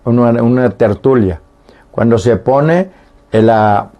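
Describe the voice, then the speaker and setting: Slow, patient radio teacher man. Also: medium pitch, mellow. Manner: slow, patient explanations, demonstrating sounds aloud. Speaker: Guarani language teacher. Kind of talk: radio language lesson. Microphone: radio studio microphone.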